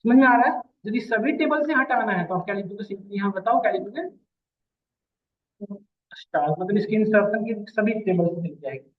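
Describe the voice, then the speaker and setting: A man's voice: high-pitched, expressive, brisk. Man teaching, thin phone-line sound. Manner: addresses students as beta, asks checking questions. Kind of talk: classroom lecture. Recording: distant mic, phone-like lo-fi sound.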